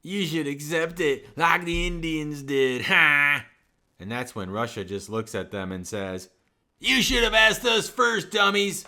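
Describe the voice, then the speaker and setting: A man's voice: on the high side, lively intonation, measured pace, gravelly, sharp tone, exaggerated voice. A man voicing a folksy know-it-all male sidekick who drawls in loose, ungrammatical phrasing in comedic banter. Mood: smug.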